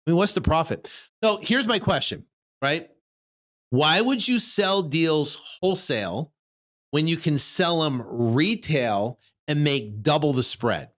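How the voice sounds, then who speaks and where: A man co-hosting a real estate coaching pitch, speaking emphatically and using rhetorical questions. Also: lively intonation, unhurried, a bit bright. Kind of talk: sales pitch, co-host.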